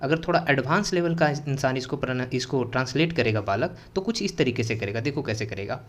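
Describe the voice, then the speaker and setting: A man teaching translation from Hindi to English, slowly repeating words, spelling them out and answering his own questions. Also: medium pitch, lively intonation. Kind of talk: bilingual translation lesson.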